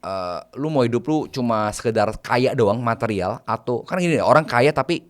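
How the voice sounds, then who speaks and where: A man's voice: medium pitch, expressive, moderate pace. A man, a private banker, chatting casually as an interview guest, mixing in English phrases and laying out numbered tips.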